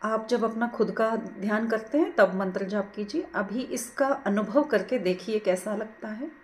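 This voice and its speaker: A middle-aged woman leading a guided meditation, giving slow, gentle instructions with English words mixed into her speech. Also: medium pitch, slight background noise.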